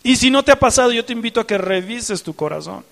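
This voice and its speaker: A man's voice: extremely high pitch, fast, gravelly, big-room sound. A male preacher giving a dramatic sermon, acting out tearful and joyful prayer. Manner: animated, dramatic, acts out crying and joyful prayer.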